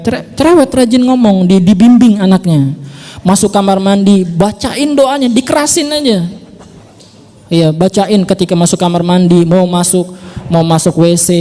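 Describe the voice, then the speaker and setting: A father talking patiently about how he taught his young son, repeating his points and filling pauses with little affirming words. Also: high voice, mellow, in a large hall. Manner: patient, repeats points, many 'ya' fillers. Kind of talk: relaxed advice talk.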